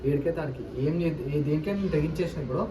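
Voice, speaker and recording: Brief: young man, rapid-fire and high, yelling in an echoey, noisy spot far from the phone. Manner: pleading then shouting angrily. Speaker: vlogger. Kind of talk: staged family confrontation vlog.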